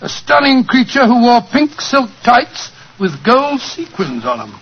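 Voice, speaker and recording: An actor playing a genial, rambling elderly English doctor with a British accent and a husky voice in a 1940s radio drama. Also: male voice, very high-pitched, huge pitch swings, a little slow, full character voice. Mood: fond reminiscing. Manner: avuncular, rambling, easily sidetracked. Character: genial elderly English doctor fondly telling old adventures. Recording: dull vintage 1940s radio recording.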